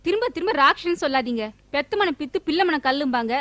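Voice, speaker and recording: A woman's voice: high voice, expressive, fast talker, fairly bright tone, no echo. An actress playing a young wife and doting new mother who chides her husband and gives him firm instructions in a stage comedy. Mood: chiding. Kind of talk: Tamil stage comedy acting.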